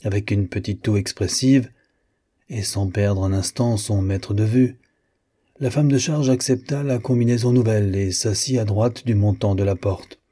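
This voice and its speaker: A man reading a novel aloud as narrator in a steady, measured way. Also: on the low side, breathy edge. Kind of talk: audiobook narration.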